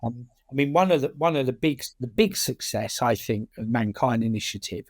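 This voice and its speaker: A man's voice: medium pitch, animated, normal speed, no echo, clean studio sound. A man with a British working-class accent answering in a conversational interview, often repeating words and restarting sentences as a campaigner. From United Kingdom. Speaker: charity chair and campaigner.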